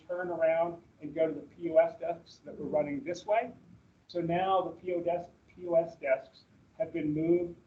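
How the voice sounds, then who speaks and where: A man presenting slides at a staff orientation on a video call, talking casually and rambling with fillers and restarts. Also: a little high. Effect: heard through a video-call meeting recording. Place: meeting room with people present. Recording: dull lo-fi meeting-call audio.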